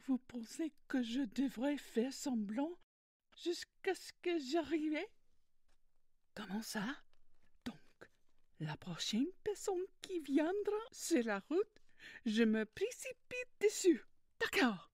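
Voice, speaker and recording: A woman playing a timid, weepy cowardly lion in a soft ASMR roleplay, fearful, plaintive and hesitant. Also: high voice, big pitch swings, takes it slowly, no echo, studio quality, full character voice. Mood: anxious resolve.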